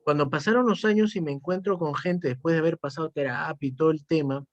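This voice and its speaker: A man's voice: a little high, quick pace, no echo, lo-fi sound. A man, a psychotherapist chatting reflectively and often tagging his sentences with "¿no?". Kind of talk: casual conversation.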